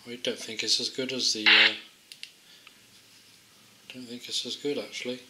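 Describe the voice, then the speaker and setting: With a medium-pitched voice that barely shifts in pitch, a man talks at a moderate pace while presenting a gadget. He's an amateur product tester, casual and unscripted, thinking aloud hesitantly and with understatement. The recording has a roomy echo, faint background noise and clicks.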